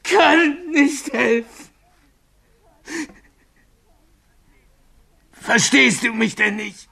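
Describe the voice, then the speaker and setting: An actor playing a frightened railway signalman haunted by a ghost, telling his story haltingly and growing frantic, in a 1980s German radio drama. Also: on the low side, creaky, pushed and bright, heavily acted. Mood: frantic, desperate. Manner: tells his tale haltingly, then grows frantic and desperate.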